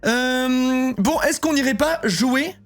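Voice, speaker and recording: A man's voice: very high-pitched, slow pace, soft background music. A man streaming live, chatting casually and joking while he reads his chat aloud.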